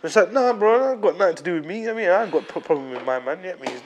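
A young man with a London roadman accent and street slang, chatting casually and telling stories with animated repetition. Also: high-pitched, very fast, muffled recording. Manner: animated, repeats phrases for emphasis. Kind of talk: casual group chat, telling anecdotes.

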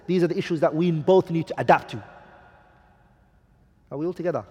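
A man's voice: a little high, brisk, darkish tone, slightly rough, long reverb tail, muffled recording. A man teaching a class on marriage, emphatic, asking the students rhetorical questions and quoting Arabic texts. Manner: quotes Arabic hadith and poetry. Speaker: Islamic teacher.

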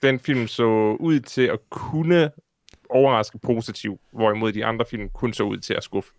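A man's voice: medium pitch, steady tone, no room sound. Matter-of-fact man, dry close sound. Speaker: podcast co-host. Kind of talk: casual film podcast chat.

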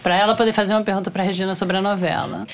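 A woman's voice: medium pitch, fairly even intonation, racing, creaky, a little hiss or hum. A Brazilian woman hosting a podcast interview, reacting and introducing the next question. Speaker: podcast host. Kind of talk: casual interview.

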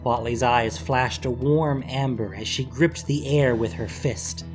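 A narrator reading a fantasy story in an animated, expressive way. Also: medium pitch, a little slow. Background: background music.

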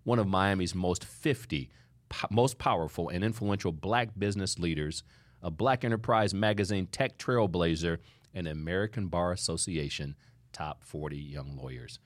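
A man hosting a studio interview podcast, speaking emphatically and warmly to his guest. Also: low-pitched, moderate pace. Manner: warm, emphatic, calls guest "sister". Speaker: podcast host.

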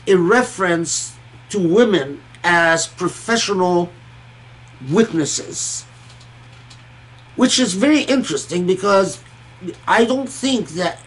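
A man from Egypt and Kuwait offers informal scholarly commentary on scripture, thoughtful and halting, often repeating words and pausing. His voice sits high with a fairly bright tone, and the recording is rough.

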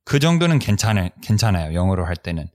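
Co-host: man, lowish voice, foreign accent, conversational, searches for words. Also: very animated, quick pace. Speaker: co-host, Korean learner. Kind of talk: casual discussion.

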